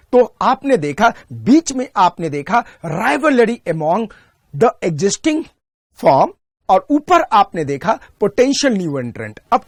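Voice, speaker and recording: This high-voiced man teaches exam prep in a recorded online lecture, asking questions and then answering them himself as he drills each point. Key terms get a deliberately slow delivery. The audio is studio quality with no room sound.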